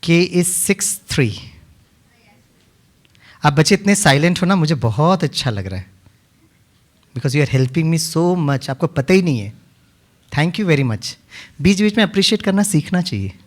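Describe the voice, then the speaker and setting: A man leading a session for children at a summer camp, teaching playfully and coaxing the kids in a teasing way, speaking into a handheld mic. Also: sits high. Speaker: kids' camp session leader. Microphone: handheld microphone.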